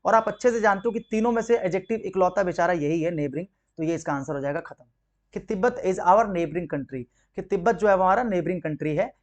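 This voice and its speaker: A man with a notably high-pitched voice teaches English grammar to exam candidates. He walks through each point step by step, tossing out rhetorical questions and answering them himself. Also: quick pace, hardly any pauses. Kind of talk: exam-prep grammar lesson.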